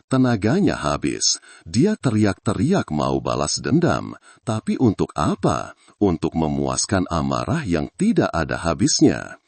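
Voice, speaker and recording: A humble old villager past sixty, as a deep-voiced storyteller puts him on, speaking politely and plainly with a lively lilt. The voice is husky and low, recorded dry and close. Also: male voice, no room sound, full character voice. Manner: polite, plain-spoken, unhurried.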